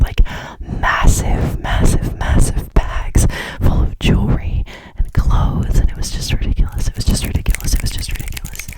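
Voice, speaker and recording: A fast, whispered ASMR ramble in a casual, chatty manner, with words and phrases repeated over and over in quick runs. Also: rough recording. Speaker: ASMR creator.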